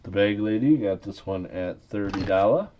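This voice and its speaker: A man's voice: lowish voice, normal speed, dark tone, muffled recording. A man working as a casual, playful auctioneer, hosting a live auction and repeating bids and calls. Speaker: auctioneer and live stream host.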